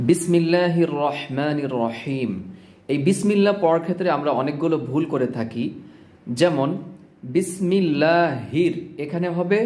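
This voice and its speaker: Brief: male recitation teacher, slightly high voice, patient and repetitive, slow chanted examples, roomy echo. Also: darkish tone. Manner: explains slowly, repeats sounds, drawls out recited words. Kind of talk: spoken pronunciation lesson with chanted examples.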